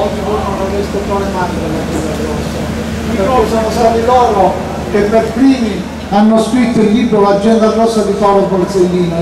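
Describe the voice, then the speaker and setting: An older man in his sixties hosts a rally in a high voice. He speaks through an outdoor PA with very strong echo, heard from a distance over clear noise. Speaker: rally host introducing speakers. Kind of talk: public speech, later reading a letter aloud. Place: outdoor stage in a town square at night. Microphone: handheld mic through PA, recorded by far camera. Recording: echoing outdoor PA, distant and noisy.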